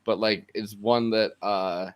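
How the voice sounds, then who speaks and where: A man guesting on a podcast, talking casually in an animated, profane, mocking way. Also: fairly low pitch, slow pace, clean tone. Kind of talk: casual chat.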